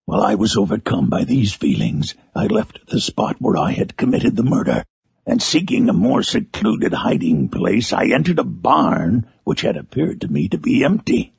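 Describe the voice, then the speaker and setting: A man voicing a vengeful, tormented outcast monster in a dramatic literary monologue, gravelly, husky and theatrical. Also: lowish voice, wildly swooping pitch, darkish tone, no room sound, heavily acted. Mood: brooding. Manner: slow, theatrical, brooding. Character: Frankenstein's monster, vengeful tormented outcast creature, brooding and menacing.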